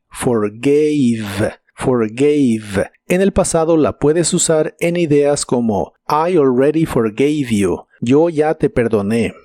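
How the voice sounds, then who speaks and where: Male language tutor, fairly high voice, dry close-miked read, slow careful model words. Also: warm tone, no room sound. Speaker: English teacher. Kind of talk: scripted vocabulary lesson.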